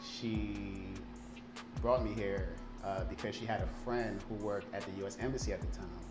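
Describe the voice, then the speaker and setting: A man in his thirties from Liberia, telling animated stories as an interview guest, with lots of fillers and restarts. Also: lowish voice, moderate pace. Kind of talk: casual interview. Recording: roomy sound with music underneath.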